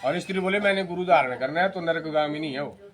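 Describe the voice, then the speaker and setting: A man's voice: on the high side, quick pace, a bit bright. A man officiating a wedding as a priest, telling scripture stories, quoting Sanskrit verses and advising the couple directly. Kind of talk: religious storytelling discourse. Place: wedding ceremony.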